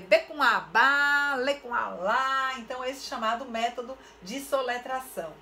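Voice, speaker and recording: A middle-aged woman gives an online lecture to literacy teachers, with a bright, slightly high voice. She explains in a didactic way, poses rhetorical questions and draws syllables out slowly. A faint hiss sits behind her.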